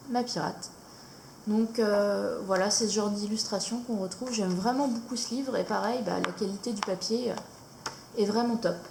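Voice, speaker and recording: A woman vlogger casually showing her coloring books, hesitant with many fillers and pauses. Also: on the high side, vocal fry. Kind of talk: casual show-and-tell chat. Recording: echoey room, faint noise.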